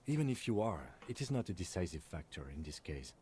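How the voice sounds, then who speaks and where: A man voicing a calm, reserved police lieutenant in a video game, speaking in a dry, precise, deadpan way. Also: low-pitched, quick pace, heavy background noise. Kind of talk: game voice acting.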